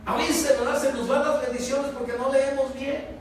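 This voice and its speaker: A man, a pastor preaching a sermon emphatically, swinging between loud rises and low hushed lines, often asking the congregation for agreement. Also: flat delivery, normal speed, slight background noise. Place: church hall. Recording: echoey church from far off.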